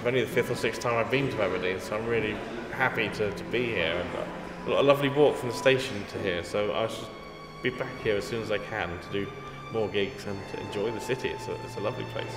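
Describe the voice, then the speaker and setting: Rushing along with few pauses, an English composer with a voice on the low side chats in a casual interview, frequently starting his sentences over. He sounds reflective and modest about himself. Music plays behind him in the echoing gallery hall.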